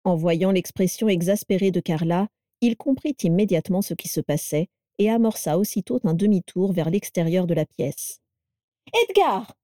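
Brief: woman storybook narrator, warm and mellow, dry close sound. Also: fairly low pitch, normal speed, dry recording.

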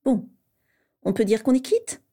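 A woman reading the lines of a smug, playful teenage boy wizard in a storybook reading, in a raised, mellow voice. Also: a little high, big pitch swings, measured pace, slightly rough, voice pushed up, exaggerated voice. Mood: smug teasing. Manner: playful, self-satisfied.

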